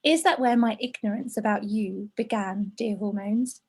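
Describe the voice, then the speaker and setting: A woman's voice: medium pitch, moderate pace, a little mellow, slightly rough. A woman co-hosting a podcast, chatting and reading aloud a listener's letter, emotional and laughing through tears. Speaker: podcast co-host. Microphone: video call.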